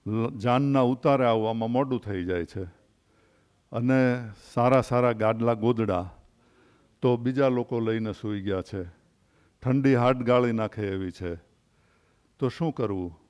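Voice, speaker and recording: An older man in his sixties speaks at a literary gathering. He tells stories and anecdotes in a measured, unhurried way and pauses between phrases. His voice sits at an ordinary, mid-range pitch for a man. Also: darkish tone, smooth. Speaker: invited speaker at a literary event.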